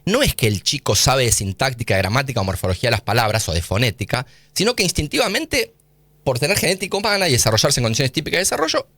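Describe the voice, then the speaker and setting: An Argentine man speaks fast in a radio studio interview, his pitch rising and falling a lot as he explains with casual slang. The sound is dry and close, with no room echo. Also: big pitch swings, a bit bright. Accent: Argentine Spanish. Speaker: guest scientist.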